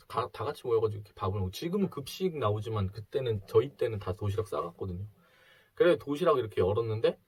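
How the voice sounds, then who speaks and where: Chatty man preaching, husky voice. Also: medium pitch. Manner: chatty storytelling, acts out quoted voices. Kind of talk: casual video sermon.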